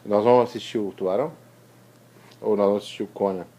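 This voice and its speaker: A man's voice: on the low side, fairly even intonation, fast, warm tone. A father at home chatting playfully with his small sons, slipping into baby talk as he coaxes them to repeat words. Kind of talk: casual home video.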